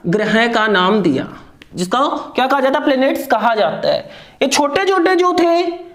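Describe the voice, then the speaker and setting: In an online lecture, a woman with a high-pitched voice teaches a lesson in a reverberant space. She poses questions, answers them herself, and goes back over the key points.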